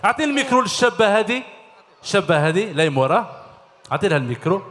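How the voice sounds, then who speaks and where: On a large concert hall stage, a middle-aged man with an Algerian Arabic accent hosts a children's show, cheerfully quizzing the kids through a handheld mic. His high, sing-song voice races along with a slightly bright tone. A long hall reverb trails his words.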